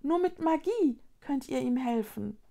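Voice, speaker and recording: A woman reading a children's storybook aloud, voicing tiny frail magical creatures with an urgent, breathy whisper that repeats words. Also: high voice, animated, unhurried, mellow, voice pushed up, heavily acted.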